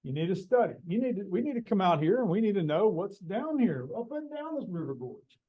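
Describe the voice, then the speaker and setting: A man's voice: sits high, big pitch swings, fairly quick, narrow, tinny audio, pitched above the performer's own voice. A man voicing his practical, upbeat male botanist colleague, explaining things in an earnest, matter-of-fact way.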